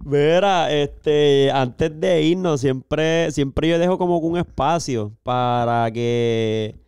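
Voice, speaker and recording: A man's voice: on the high side, slow, a little mellow, clear, resonant tone, no room sound, studio quality. A man with a rural Puerto Rican accent hosting a podcast, chatting in a laid-back way and dropping slang. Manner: laid-back, laughs along, drops slang. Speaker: podcast host. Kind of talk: casual chat.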